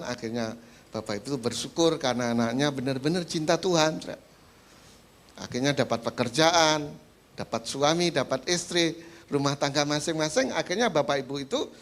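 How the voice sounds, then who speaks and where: A man's voice: a little high, a bit bright. A man preaching a sermon in a conversational way, speaking directly to the congregation with frequent filler words. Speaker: pastor.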